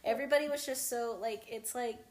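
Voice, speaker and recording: A woman's voice: fairly high pitch, fairly even intonation, fast talker, a little mellow. Young woman, casual podcast chat, rambling fillers, echoey room. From United States. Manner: rambling, many fillers and laughs. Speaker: podcast co-host.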